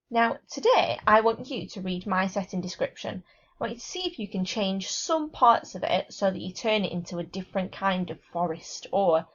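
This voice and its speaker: A woman teaching a remote lesson to young children, clear and encouraging, reading descriptions aloud with expression. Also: mid-range voice, lo-fi sound. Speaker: primary school teacher.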